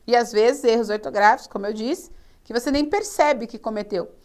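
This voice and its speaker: A woman teaching a writing lesson, animated and playfully mimicking students. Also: a little high, a little fast. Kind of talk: video lesson on writing rules.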